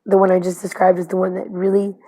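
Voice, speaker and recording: A woman's voice: lowish voice, monotone, quick pace, dark tone. A woman talking to her camera in a casual confessional video diary, anxious and rambling, with many fillers and restarts. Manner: swears bluntly. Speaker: vlogger recording video diaries.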